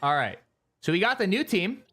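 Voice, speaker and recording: A live streamer giving rambling, chatty gameplay commentary while talking to chat, with excitable bursts. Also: medium pitch, moderate pace, faint music behind.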